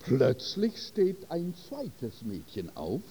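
A man telling a story in a sermon, halting and searching for words in German. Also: mid-range voice, huge pitch swings, warm tone, big-room sound, slight background noise.

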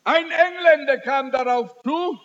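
Male preacher, very high voice, drawn-out delivery, stern and emphatic; muffled recording with long hall echo. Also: fairly bright tone. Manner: slow, emphatic preaching with sudden rises and drops in pitch; addresses listeners directly, scolding. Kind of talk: sermon.

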